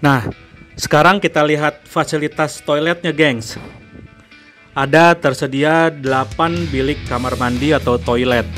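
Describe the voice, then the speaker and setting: A man narrating a casual camping vlog in a relaxed way, often addressing viewers as friends. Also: on the high side, soft background music. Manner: slow, relaxed, calls viewers "gengs". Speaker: travel vlogger.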